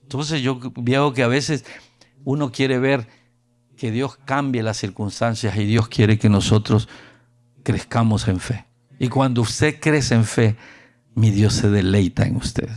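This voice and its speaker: A man's voice: medium pitch, a little slow. Honduran man preaching, acting out voices. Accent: Honduran Spanish. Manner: animated, acts out quoted voices. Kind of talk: storytelling sermon. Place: church youth camp.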